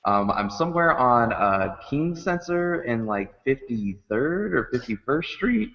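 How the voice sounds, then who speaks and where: Man, big hall echo, bright tense voice, lo-fi video call, chatty. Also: mid-range voice, big pitch swings, a little slow. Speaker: co-host. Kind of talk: casual chat on a webcast. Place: rec center main stage, large hall. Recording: echoey hall over a dull lo-fi call.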